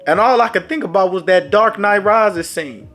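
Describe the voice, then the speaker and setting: In this casual storytime vlog, a man with a high-pitched voice keeps a moderate pace while narrating a dramatic sports story. He's expressive and dramatic, speaks directly to viewers, and faint music plays behind him.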